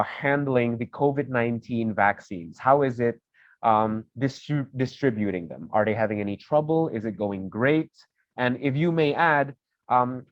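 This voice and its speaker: A man's voice: mid-range voice, no echo. Young man hosting a dull dry call. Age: young adult. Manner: friendly, rambling, self-correcting. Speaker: student discussion moderator. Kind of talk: casual class video discussion.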